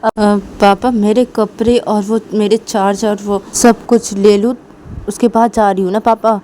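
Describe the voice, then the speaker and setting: A woman voicing a gentle, dutiful young woman who speaks in a soft, pleading way. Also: medium pitch, little pitch movement, unhurried, slight background noise, close to an everyday voice.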